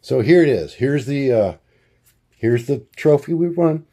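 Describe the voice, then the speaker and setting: A man talking to his camera at home in a rambling video diary, halting often with fillers and restarts as he hunts for words. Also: expressive, dark tone. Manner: acts out quoted voices in a much higher pitch. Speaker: vlogger.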